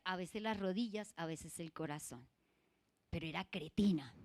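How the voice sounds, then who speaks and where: A woman's voice: lowish voice, a little mellow. A woman church leader preaching a sermon, emphatic and putting questions to her congregation.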